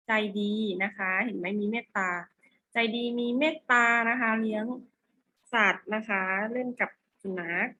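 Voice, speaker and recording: Slow, bright-voiced Thai woman teaching. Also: on the high side. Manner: patient, repeats words slowly for children to echo. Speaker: primary school English teacher. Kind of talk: online classroom lesson.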